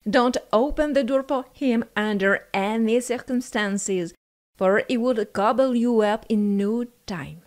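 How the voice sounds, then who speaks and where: A woman voicing a caring, protective mother goat in a storybook, warning her young in a gentle, careful way. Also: fairly high pitch, slow.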